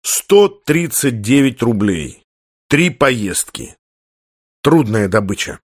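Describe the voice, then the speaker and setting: A man reading a story aloud in a steady, plain narrating voice. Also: medium pitch, slow pace, no room sound, clean studio sound. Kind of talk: audiobook narration.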